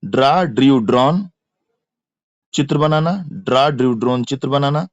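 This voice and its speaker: A man's voice: medium pitch, a little slow, dry recording, lo-fi sound. A man with an Indian accent teaching English grammar in a lesson for exam preparation, explaining in Hindi and drilling verb forms by repeating and spelling them aloud. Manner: repetitive chanting of word forms, spelling letters aloud.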